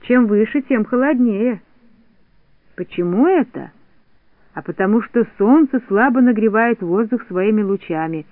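A man reads a children's story aloud with clear, even storytelling. His voice sits unusually high for a man, and the sound is dry and narrow like a telephone line. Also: no echo. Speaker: audiobook narrator.

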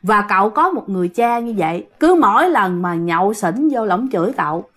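A woman's voice: mid-range voice, expressive, brisk, fairly bright tone. A woman with a Southern Vietnamese accent telling a ghost story in a chatty, repetitive way, addressing her listeners.

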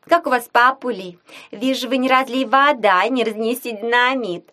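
A woman's voice: on the high side, normal speed, pushed and bright, voice pushed up. A woman voicing a perky, spoiled teenage daughter calling home. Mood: sugary.

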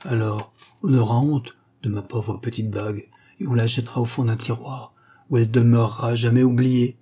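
A man's voice: mid-range voice, steady tone, mellow, slightly rough, close to an everyday voice. A man voicing a timid, poor young clerk who speaks tenderly and hesitantly. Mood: timid, wistful. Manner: timid, halting.

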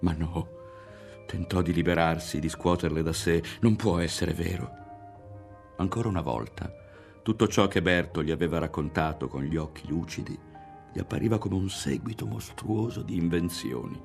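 A man with a low voice and an Italian accent reads a novel aloud in a studio. His delivery is theatrical and dramatic, rising in tension for violent scenes and dropping to a hush for reflection. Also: normal speed, faint music behind. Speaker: audiobook reader. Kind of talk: expressive literary reading.

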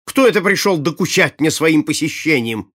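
A husky-voiced man voicing a vain, quick-tempered prince who speaks haughtily and flares up in anger, in a storybook reading. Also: medium pitch, expressive. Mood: angry. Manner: haughty, prone to angry outbursts.

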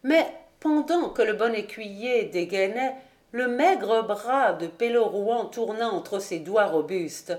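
A woman reading a classic novel aloud as a volunteer audiobook narrator, in a measured, even way. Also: mid-range voice. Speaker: audiobook reader.

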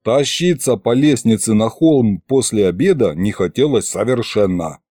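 A man narrates a first-person audiobook in a lively, wry manner. His voice rises and falls expressively with a soft, warm tone. The recording is dry and close. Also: on the low side, normal speed, dry recording.

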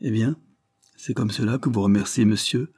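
A man's voice: lowish voice, steady tone, moderate pace, a little mellow, slightly rough, no echo, clean studio sound. A man reading the lines of a composed, level-headed female relative in a classic novel audiobook. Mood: grateful. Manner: composed, firm.

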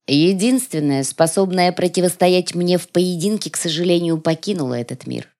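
An imperious dark elf matriarch, as read by a man speaks in a raised, cooler voice that sounds different from his usual tone. She is calm, icy and used to obedience. This is a storybook reading. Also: high-pitched, moderate pace, voice pushed up. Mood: cold commanding. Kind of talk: audiobook character voicing.

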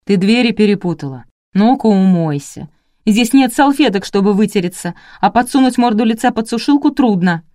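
A woman reading the part of a gruff, commanding male publisher boss in an audiobook, blunt and bossy. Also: sits high, animated, moderate pace, a little mellow, dry recording, studio quality, pitched above the performer's own voice. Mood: brusque.

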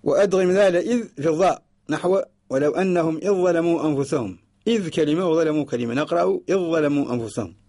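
A man from Mauritania giving a radio lesson, explaining slowly and repeating each example before chanting short verses. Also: fairly high pitch, mellow. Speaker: teacher of Quran orthography. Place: radio studio.

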